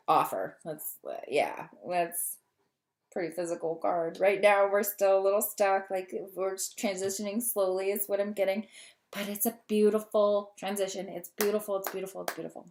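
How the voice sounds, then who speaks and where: A woman doing a casual tarot reading to camera, talkative and long-winded, gushing and easily excited. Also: mid-range voice. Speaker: tarot reader.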